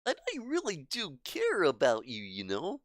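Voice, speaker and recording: A woman's voice: low voice, huge pitch swings, moderate pace, no room sound, pitched above the performer's own voice. A woman voicing a cheerful, caring teenage club president in a visual novel, sounding sweet and earnest. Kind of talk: reading game dialogue aloud.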